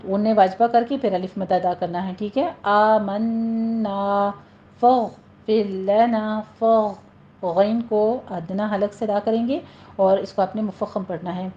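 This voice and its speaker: A woman teaching Quran recitation rules step by step, then reciting the example words slowly and drawn out. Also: medium pitch, dark tone, highs cut off. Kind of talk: tajweed lesson with slow recited examples.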